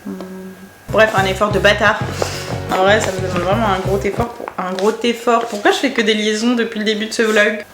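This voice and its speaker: A woman's voice: mid-range voice, little pitch movement, fairly quick, over music. A young woman from France chatting casually to her phone camera while running errands, exhausted and self-mocking, rambling from one aside to the next. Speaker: vlogger. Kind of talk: casual vlog chat to camera. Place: car, shops and home, moving around.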